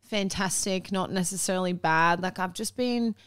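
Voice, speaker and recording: A woman's voice: lowish voice, a bit bright, clean tone, no echo, clean studio sound. A woman, co-hosting a casual podcast chat, talking freely and swearing often. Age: 20s. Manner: chatty, swearing, quick laughs. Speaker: podcast co-host.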